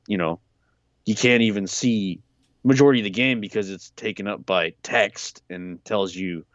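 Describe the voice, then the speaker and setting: A man's voice: on the low side, no room sound, muffled recording. A man co-hosting a podcast, ranting casually and swearing freely. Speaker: podcast co-host.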